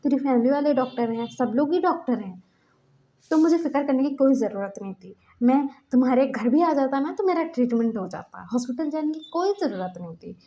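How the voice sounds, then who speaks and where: Woman voicing an easygoing young man, slow drawl, soft and low, mellow lo-fi storybook recording. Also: expressive. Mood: casual teasing. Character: easygoing young man soothing his angry lover.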